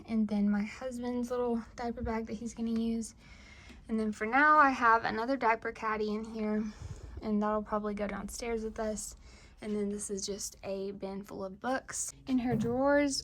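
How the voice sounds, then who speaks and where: A woman's voice: on the high side, slight background noise. A young woman chatting casually as she shows a room in her home, a bit out of breath. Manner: chatty, descriptive, uses "little" often. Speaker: vlogger. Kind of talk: casual home tour vlog.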